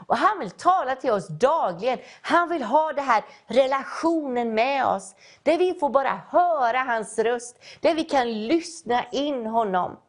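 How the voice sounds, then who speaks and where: A woman preaches in a fairly high voice. She tells a Bible story and gives its characters voices of their own. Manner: acts out story voices, calling out.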